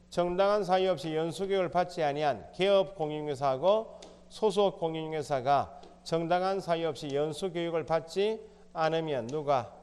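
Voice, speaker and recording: A man's voice: a little high, darkish tone, clean tone, big-room sound. A man teaching an exam prep lecture, asking the class questions and answering them himself. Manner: quizzing, asks and answers his own questions. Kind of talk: recorded lecture.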